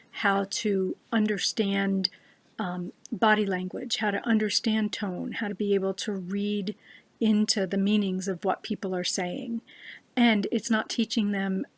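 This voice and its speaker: A woman giving an earnest personal talk to a webcam, slowing down to stress her key words. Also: mid-range voice, dry recording. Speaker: speaker giving a short talk. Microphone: webcam on a computer.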